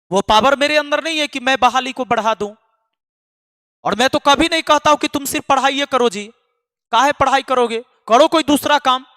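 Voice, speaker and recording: A man's voice: very high-pitched, sharp tone, no echo, clean studio sound, in a large hall. A man who teaches math online, speaking to his students in an emphatic, scolding way and repeating lines for force. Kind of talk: impassioned address to students.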